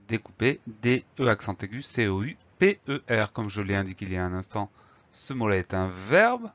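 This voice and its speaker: A man teaching a spelling lesson, reading out words and spelling them slowly letter by letter. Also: mid-range voice, a bit bright, dry recording, lo-fi sound. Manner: slow, careful spelling out of letters. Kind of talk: scripted lesson narration.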